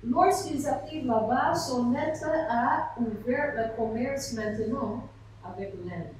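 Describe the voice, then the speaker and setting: Heard from a distance in a large church hall full of echo, a woman pastor delivers a seminar sermon built around a story and rhetorical questions. She speaks slowly in a fairly high voice, and background noise is present.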